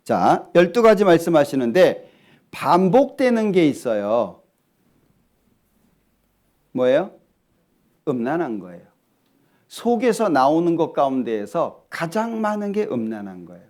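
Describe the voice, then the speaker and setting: Guy preaching a sermon, high voice that jumps all over, keeps asking the crowd stuff. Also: measured pace, pauses often. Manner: lively, asks the congregation questions. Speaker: pastor. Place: church hall.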